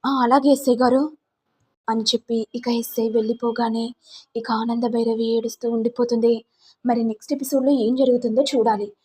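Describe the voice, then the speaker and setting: A woman's voice: a little high, little pitch movement, brisk, warm tone, slightly rough. A woman narrating a recap of a television serial in a dramatic storytelling way.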